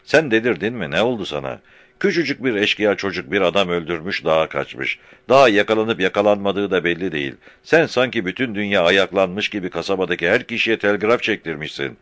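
A man's voice: deep voice, expressive, brisk, a bit bright, no room sound, voice pushed up. A man doing a furious scolding town notable. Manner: scolding, indignant. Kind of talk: audiobook character voice.

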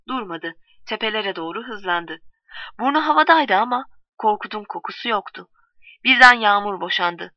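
Female storyteller, measured read, dry and distant on a dull recording. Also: medium pitch, dry recording. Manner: calm measured reading, voicing quoted lines. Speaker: narrator. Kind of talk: storybook narration.

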